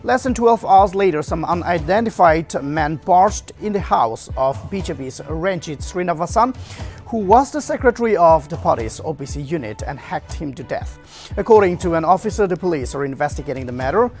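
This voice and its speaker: High-pitched male newsreader. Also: lively intonation, normal speed, a little mellow, soft background music. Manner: formal. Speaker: news anchor. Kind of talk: scripted news reading.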